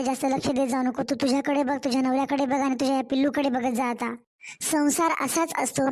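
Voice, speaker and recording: A woman's voice: high-pitched, darkish tone, lightly acted. A woman voicing an older village mother, doting and worried, coaxing her daughter in a cartoon story. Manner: fussing, coaxing.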